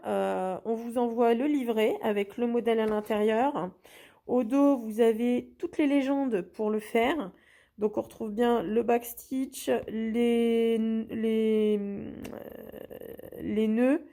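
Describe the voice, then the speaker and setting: A woman's voice: on the high side, dark tone. A woman hosting a craft channel, chatting casually through an unboxing with lots of hesitations and restarts.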